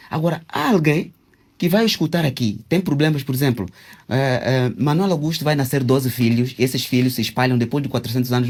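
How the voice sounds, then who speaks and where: A man with a husky, slightly breathy voice of medium pitch and a somewhat mellow quality answers interview questions as a self-proclaimed traditional king. Speaking didactically, he slows to spell out Kikongo words syllable by syllable, hesitating often.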